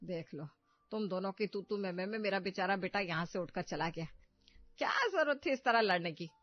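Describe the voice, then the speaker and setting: A woman's voice: medium pitch, lively intonation, fairly quick, natural voice. A woman voicing an exasperated middle-aged mother-in-law who scolds the family, over faint music. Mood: scolding. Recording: muffled, faint background music.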